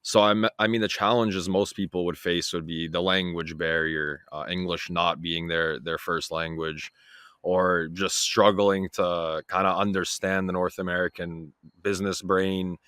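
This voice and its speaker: Guest, young man, very low voice, relaxed chatty delivery, dry sound. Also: unhurried, clear, resonant tone, no echo. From Toronto, Canada. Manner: easygoing, relaxed, filler-heavy. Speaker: guest, freight broker. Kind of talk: casual interview chat.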